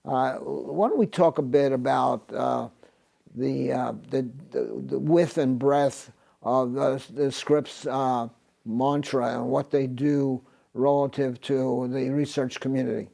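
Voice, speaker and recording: An older man hosting a studio health interview, speaking haltingly with many filler sounds, recorded on a lapel mic in a TV studio. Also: medium pitch, fairly even intonation, gravelly, mellow. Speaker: host. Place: TV studio set.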